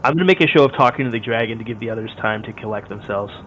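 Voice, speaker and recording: A man's voice: on the low side, racing, fairly bright tone. A man playing a tabletop game, casually talking through what his character does, on a slightly dull voice channel. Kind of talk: casual chat, describing character's actions.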